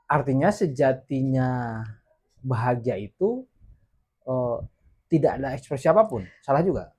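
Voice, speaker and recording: A man's voice: medium pitch, lively intonation, unhurried, a little mellow, husky. Hesitant man asking probing questions. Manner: asks probing questions, hesitant with many fillers. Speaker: podcast host. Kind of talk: casual podcast hosting.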